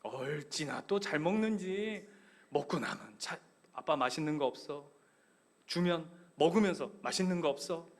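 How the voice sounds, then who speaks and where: Male pastor, sermon, high voice, lively swings in pitch, acts out voices, jokes with the congregation. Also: normal speed. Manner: animated, acts out voices of Bible figures and his kids, jokes with the congregation.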